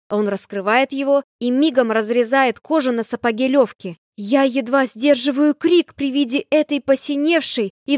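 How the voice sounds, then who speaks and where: A woman reading a story aloud in the first person, in expressive audiobook narration. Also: fairly high pitch, no echo, studio quality.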